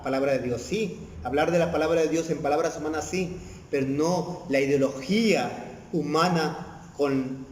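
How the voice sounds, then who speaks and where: A man with a Mexican Spanish accent preaching a sermon, earnest and given to repeating phrases with "eh" fillers. His voice sits a little high for a man. The sound is roomy, with a long church-hall reverb trailing each phrase. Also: darkish tone.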